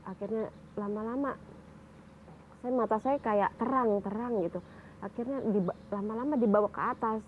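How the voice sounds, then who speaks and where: Young adult woman survivor giving a halting personal account, heard through a narrow lo-fi band. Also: fairly high pitch. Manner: halting, repeats herself, restarts. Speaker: tsunami survivor. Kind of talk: personal testimony. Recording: phone-like band, faint noise.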